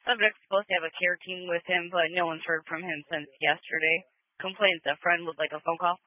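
A woman's voice: lowish voice, fairly even intonation, dry recording. Woman dispatcher over police radio. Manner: brisk, clipped radio codes. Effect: police radio transmission. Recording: dry tinny radio channel.

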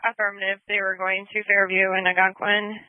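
A woman police dispatcher calls out units and plate checks in brisk, clipped radio codes. Her voice comes through a thin, phone-like radio band. The sound is dry, with no room around it. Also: medium pitch, level tone, dry recording. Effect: heard over a phone-like radio channel.

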